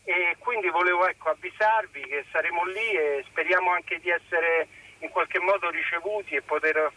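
A man calling in by phone to a radio show, speaking politely and earnestly and pausing often with fillers. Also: high voice, sharp tone. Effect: voice heard over a phone line on a radio call-in. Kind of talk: formal phone-in appeal.

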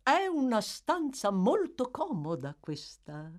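A woman's voice: fairly high pitch, wildly swooping pitch, takes it slowly, pitched above the performer's own voice, exaggerated voice. A woman reading aloud voices a pompous, self-important male parish beadle with grand, fussy solemnity in a storybook reading.

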